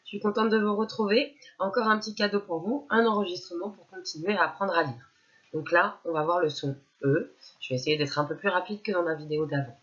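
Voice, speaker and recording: A woman's voice: fairly low pitch, brisk, muffled recording. A woman teacher giving a reading lesson to young children, patiently sounding out syllables one by one.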